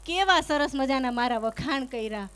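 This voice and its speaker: Woman, stand-up comic, high voice, teasing, acts out dialogue, stage mic. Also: animated, normal speed, a bit bright. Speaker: stand-up comedian. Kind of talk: live stand-up storytelling. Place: stage before a live audience. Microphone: stage microphone.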